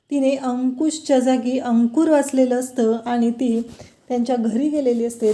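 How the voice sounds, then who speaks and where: Woman doing a tv serial recap, fairly high voice but really mellow and dark, echoey room. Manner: steady retelling that reads characters' lines aloud. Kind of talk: storytelling recap of a TV serial episode. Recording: roomy echo.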